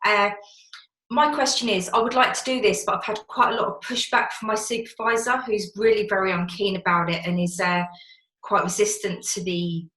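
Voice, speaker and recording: A counsellor in private practice asks a polite, measured question over a video call from a shed that gives her voice an echo. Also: mid-range voice, fairly even intonation, fairly bright tone. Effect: echoey shed. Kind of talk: audience question on a webinar. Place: garden shed. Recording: echoey small room.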